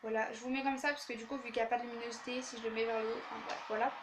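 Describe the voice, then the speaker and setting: A woman's voice: on the high side, level tone, very fast, background noise. Tired young woman chatting about beauty products. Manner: chatty, rambling, stumbling over words. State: tired after a day of classes. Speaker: beauty vlogger. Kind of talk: casual product-review chat. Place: bedroom facing an open window, street traffic outside. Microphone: handheld camera without tripod.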